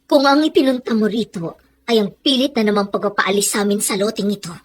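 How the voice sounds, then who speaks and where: A woman's voice: medium pitch, quick pace, husky, close to an everyday voice. An actress in a Filipino radio drama playing a defiant widowed mother who speaks in a firm, clipped and guarded way. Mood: firm, wary.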